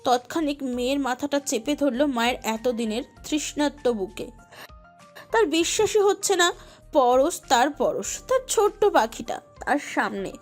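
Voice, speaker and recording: Woman storyteller, high voice, emotive scripted narration over soft music. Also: animated, unhurried. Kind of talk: dramatic scripted narration of a romantic audio story.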